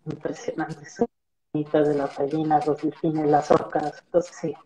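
A young man with a Mexican Spanish accent, a marine biologist guest chatting in a relaxed, rambling way with many fillers over a video call from a small room. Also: on the high side, normal speed, poor audio. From central Mexico. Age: young adult. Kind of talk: casual video-call interview chat. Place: small indoor room with plain wall. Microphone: laptop video call.

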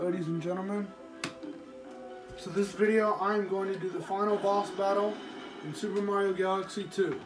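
Brief: high-pitched male gamer, rambling self-talk commentary, excitable bursts, game music underneath. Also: poor audio. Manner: chatty, talks to himself while playing, excitable outbursts. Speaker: gameplay commentator. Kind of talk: casual let's-play commentary. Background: video game music.

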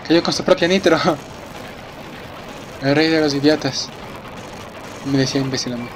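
An excitable young gamer swears his way through live racing-game commentary, his voice on the high side at normal speed. He reacts loudly to the race over a noisy background of game music and sound effects.

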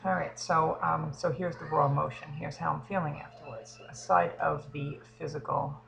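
A woman in her thirties with a heavily gravelly, fry-laden voice talks through a confessional vlog. She is emotional and close to tears, and she halts often with ums. A clear background hiss runs under her voice. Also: low voice, steady tone. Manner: hesitant, halting, frequent ums. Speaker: fitness coach.

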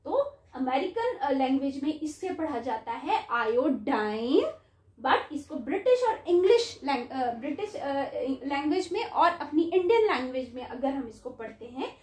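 A woman teaching phonics online, sounding out each word slowly, syllable by syllable, and calling her students "beta". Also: sits high, big pitch swings, a little mellow, echoey room, low-quality recording.

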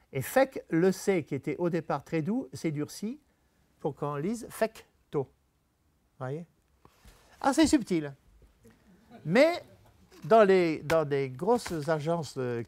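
A man's voice: fairly high pitch, a little mellow, no echo. Guy giving a talk on type to an audience, explains stuff, keeps asking if they see it, dry sound. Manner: explanatory, checks in with listeners. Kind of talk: presentation to an audience. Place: venue talk before an audience.

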